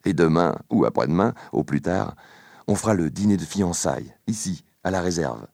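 A man voicing a happy, open-hearted young sailor in love, warm and earnest. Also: low voice, animated, moderate pace, creaky, no room sound, clean studio sound, exaggerated voice.

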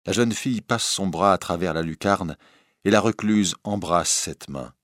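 A man's voice: deep voice, moderate pace, a bit bright, no echo, clean studio sound. A man narrating a classic story aloud in a dramatic reading style.

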